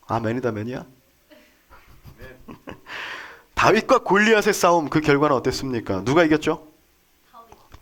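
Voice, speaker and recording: A man in his thirties preaching with a lively, swinging pitch. He tells the story casually and jokes along the way, often turning to the congregation with questions. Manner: conversational, jokey, asks the congregation questions. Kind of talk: sermon with storytelling.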